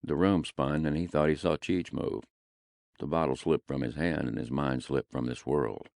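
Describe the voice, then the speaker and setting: A man narrating an audiobook in a gritty, deadpan way, recorded close in a studio. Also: a bass voice, moderate pace, gravelly, dry recording.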